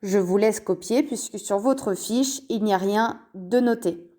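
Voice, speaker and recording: Woman, teacher, language lesson, slow careful delivery, mellow tone, repeats forms. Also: mid-range voice. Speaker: Spanish teacher. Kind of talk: language lesson explained in French.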